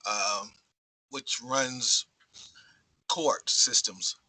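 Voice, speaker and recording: A man's voice: mid-range voice, extremely slow, sharp tone, husky, dry recording, low-quality recording. A man on a video call, talking hesitantly with many fillers while eating lunch. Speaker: developer at a clerk's office. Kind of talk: casual chat.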